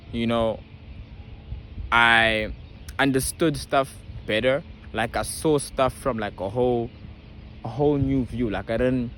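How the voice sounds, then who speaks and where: A man's voice: medium pitch, fairly bright tone, slight background noise. A young man vlogging casually. He talks in slang, with a stutter and frequent restarts. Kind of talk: casual storytelling to camera.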